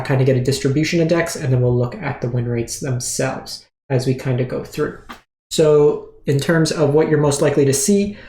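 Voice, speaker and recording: A man's voice: mid-range voice, roomy sound. A man hosting a weekly card game strategy breakdown, talking casually with many fillers and restarts while he is still short of breath. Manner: relaxed, filler-heavy, frequent restarts. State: short of breath after surgery. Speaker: host. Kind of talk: casual gameplay meta breakdown.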